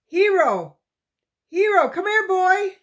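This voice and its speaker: A woman's voice: high-pitched, expressive, slow pace, pitched above the performer's own voice. Woman voicing a bossy young mountain boy. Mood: shouting. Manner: urgent, commanding. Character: determined young mountain boy giving orders.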